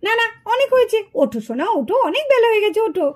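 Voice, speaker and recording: High, lively woman voicing a housewife. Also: very fast. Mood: caring, fussing. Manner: fussing, bossy but caring. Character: young housewife and mother, caring and bossy. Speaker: puppet show narrator and voice actor. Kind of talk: puppet show voice acting.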